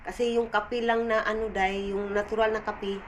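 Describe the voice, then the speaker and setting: A woman's voice: mid-range voice, level tone, normal speed, slight background noise. A woman, a mother, chatting casually to her vlog viewers at home and mixing in English words. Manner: chatty, mixes Tagalog with English, often says "day". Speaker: vlogger and mother. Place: home, porch and yard outdoors.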